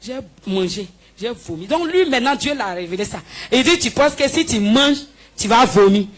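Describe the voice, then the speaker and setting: A woman giving a spoken healing testimony in church, telling her story with lively, acted-out dialogue. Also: on the high side, normal speed. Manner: animated storytelling, acting out dialogue with the pastor. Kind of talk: spoken testimony before a congregation.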